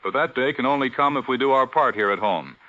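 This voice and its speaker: A man's voice: mid-range voice, fast, sharp tone, dry recording. A man playing a radio announcer, reading an ad and station identification in a formal, upbeat way through an AM radio broadcast sound. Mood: rousing. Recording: dull lo-fi dry radio sound.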